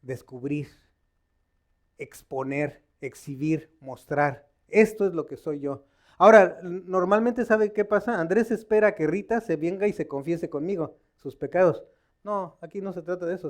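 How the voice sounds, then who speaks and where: Higher-voiced man preaching casually. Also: darkish tone. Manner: conversational, quizzing the audience with questions; stops to search for words, with many fillers and restarts. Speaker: lay preacher at a Bible study. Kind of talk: informal sermon.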